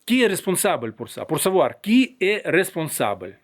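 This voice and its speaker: A man's voice: fairly high pitch, big pitch swings. Hesitant man with a foreign accent. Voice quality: non-native French speaker with a foreign accent. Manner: hesitant, halting, many restarts. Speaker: citizen addressing a newsroom. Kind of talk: open-letter monologue to camera.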